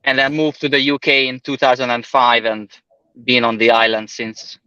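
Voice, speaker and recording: A man's voice: mid-range voice, little pitch movement, normal speed, sharp tone, clean tone, no echo. A man from Hungary, calling in to a casual chat and repeating words as he searches for them. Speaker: guest caller. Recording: dull lo-fi line.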